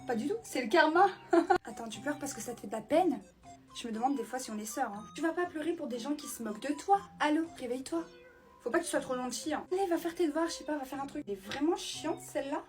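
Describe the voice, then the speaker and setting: A young woman plays a bossy, sarcastic character in a comedy skit, firing off quick retorts in a fairly high voice. Faint music runs quietly underneath her.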